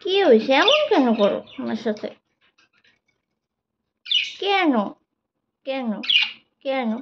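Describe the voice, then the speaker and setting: Woman, high voice, half-scolding and half-coaxing a pet bird; dull audio with loud bird squawks behind. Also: big pitch swings, slow pace, heavy background noise. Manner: scolding yet coaxing, repeated questions. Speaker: bird keeper checking chicks. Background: squawking budgerigars.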